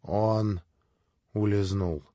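A man voicing a feverish, tormented young man who talks himself into agitated shouting, on a dull, dry lo-fi recording. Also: fairly low pitch, fairly even intonation, drawn-out words, no echo. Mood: brooding.

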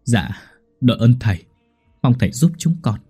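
A man voicing a desperate father who shouts in anguish to his dead son. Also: mid-range voice, expressive, normal speed, husky, soft background music. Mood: pleading.

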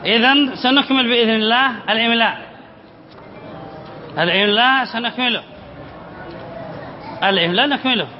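Sheikh, male, very high voice, classroom lesson, quizzes then answers himself, dull recording with faint hiss. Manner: explains by asking questions and answering them himself, repeats phrases slowly. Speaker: sheikh teaching Arabic spelling. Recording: slightly dull recording with faint background noise.

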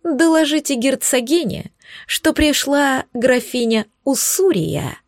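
A woman voicing an arrogant young female countess who talks down to everyone in a shrill, indignant way. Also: slow pace, dry recording, clean studio sound. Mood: haughty, indignant. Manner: haughty, indignant, squealing.

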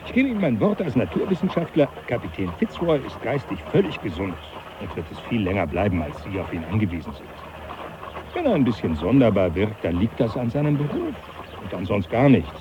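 Jovial, swooping Professor Henslow. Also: male voice, lowish voice, brisk. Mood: jovial, explaining. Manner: chuckling, animated, patronising. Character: jovial, teasing older professor, brandy-loving and avuncular. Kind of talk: German radio drama acting. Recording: dull radio drama, loud background noise.

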